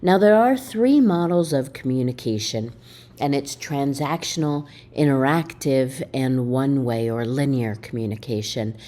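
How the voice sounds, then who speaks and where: A woman college instructor gives a recorded video lecture, animated and emphatic, asking her students questions as she explains. She has a bass voice and keeps a measured pace.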